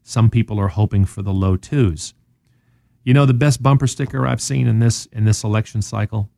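A man with a Southern US accent hosting a financial talk show, explaining markets in an animated, sarcastic way full of rhetorical questions. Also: lowish voice, moderate pace, creaky, no room sound, studio quality. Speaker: radio show host.

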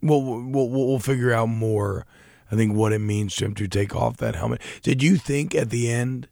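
A man's voice: mid-range voice, normal speed, vocal fry, a little mellow, no echo, clean studio sound. A young man co-hosting a casual podcast, talking in a rambling, self-deprecating way with many restarts. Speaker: podcast co-host. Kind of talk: casual chat about a TV show.

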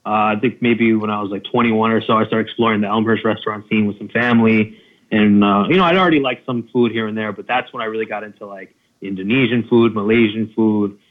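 A man's voice: on the low side, fast talker. Man on a tinny phone-like line. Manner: relaxed, laughs often, many fillers. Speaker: travel food vlogger guest. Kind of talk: casual chat.

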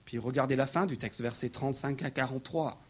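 A man preaching a sermon, reading verses aloud and building to excited, emphatic peaks. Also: mid-range voice, brisk. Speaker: pastor.

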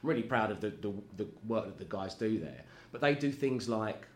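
A man's voice: lowish voice, expressive, a little fast. A man in casual chat as a guest, rambling and self-deprecating, often laughing at himself. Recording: echoey room with faint ambience.

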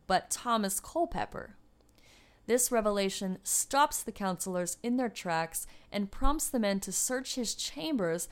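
Expressive woman narrating history. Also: medium pitch. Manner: expressive storytelling with wry asides. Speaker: podcast host.

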